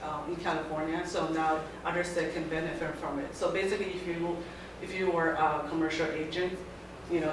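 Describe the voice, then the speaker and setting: A deep-voiced, middle-aged Taiwanese woman gives an informal guest talk to students in a lecture room, often breaking off and starting her phrases anew. She's captured at a distance in a strongly reverberant room, with steady noise in the background.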